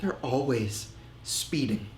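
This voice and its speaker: A man playing a haunted, halting griever in a roomy space. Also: medium pitch, expressive, darkish tone, slight background noise. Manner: halting, repeats words, trails off. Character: grieving middle-aged man, haunted, hesitant. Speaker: man recounting family tragedy. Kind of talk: film monologue. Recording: roomy echo with faint ambience.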